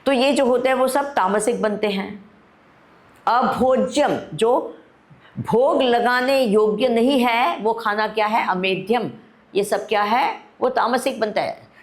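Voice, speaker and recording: A woman spiritual teacher giving a discourse at a spiritual camp, unhurried, often asking her listeners questions and mixing Hindi with English. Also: fairly high pitch.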